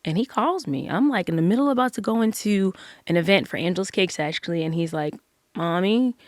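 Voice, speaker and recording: Reflective woman guest, low voice, dry sound. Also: animated, quick pace, dry recording. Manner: open, reflective, full of filler likes. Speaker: podcast guest. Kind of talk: casual interview chat.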